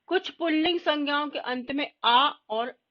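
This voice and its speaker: A woman's voice: high voice, moderate pace, muffled recording. A woman teaching a Hindi grammar lesson, reading word lists aloud and answering her own questions as she explains.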